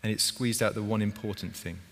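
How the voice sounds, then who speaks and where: A man's voice: fairly low pitch, steady tone, brisk, a bit bright. Man, preacher, sermon, chatty, asks the congregation questions, long church reverb. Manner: conversational, asks the congregation questions, acts out scenes.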